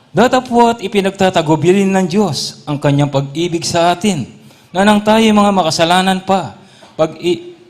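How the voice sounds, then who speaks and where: A man reading Bible verses aloud during a church service, slow and measured. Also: on the high side. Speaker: scripture reader.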